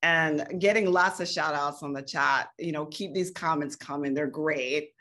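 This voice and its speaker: A woman's voice: low-pitched, moderate pace, pushed and bright. A woman hosting a panel conversation, putting questions to the guests in a conversational way. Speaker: panel moderator.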